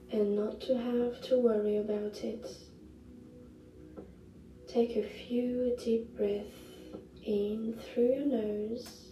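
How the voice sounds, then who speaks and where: A woman narrating a guided meditation in the gentle, hushed, unhurried manner of a sleep story narrator, with long pauses. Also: fairly high pitch, slight background noise. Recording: roomy echo, distant mic, music behind. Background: music.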